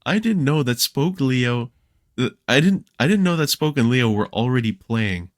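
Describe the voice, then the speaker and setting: A young man talking as a podcast guest, telling stories in a relaxed way with lots of fillers and restarts. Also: mid-range voice, normal speed, no echo, clean studio sound. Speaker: podcast guest, Minecraft creator. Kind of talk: casual podcast chat.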